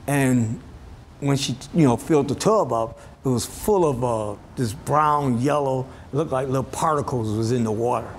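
A man's voice: mid-range voice, moderate pace. An older man speaks emphatically and plainly as an advocate, interviewed outside in a neighborhood. There is a faint hum of outdoor ambience behind him. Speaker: community advocate. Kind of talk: news interview.

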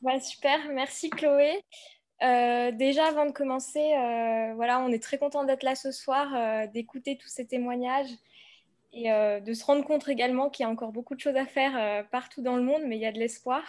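A young woman student introducing her team's project to an online audience. Her voice is on the higher side, and her delivery is friendly and loose, peppered with small hesitations. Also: fairly even intonation, normal speed, darkish tone. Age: young adult. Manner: friendly, many fillers. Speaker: master's student presenting a project. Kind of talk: informal presentation.

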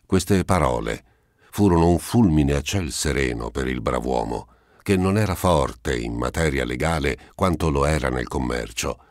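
Deep-voiced male narrator for a classic audiobook, measured and dry, close mic. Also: animated, no echo. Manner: measured literary reading. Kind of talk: scripted narration.

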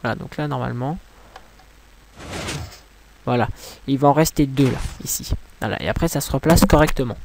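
A man's voice: mid-range voice, normal speed, creaky, pauses often, very noisy. A young man from France giving a casual, rambling game tutorial commentary, mocking himself and swearing when things go wrong. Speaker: gaming tutorial creator.

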